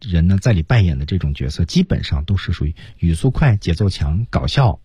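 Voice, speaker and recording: A man's voice: deep voice, very animated, fairly quick, warm tone, husky, no room sound, clean studio sound. A man teaching English on the radio, explaining each example line and then acting it out. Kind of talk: radio language lesson. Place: radio studio. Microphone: studio microphone.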